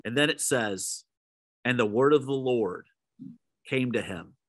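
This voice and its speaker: A man at mid pitch preaches to his congregation, retelling a story and talking to them directly. Now and then he sinks into a hushed low tone to stress a point. The sound is close and dry, with no room echo. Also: measured pace. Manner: storytelling, drops to a soft low voice for emphasis; speaks straight to listeners. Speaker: pastor. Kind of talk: midweek sermon.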